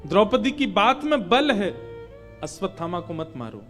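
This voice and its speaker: A man voicing Yudhishthira, a wise and steady eldest brother, speaking in a measured, lowered voice. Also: faint music behind, full character voice. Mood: grave.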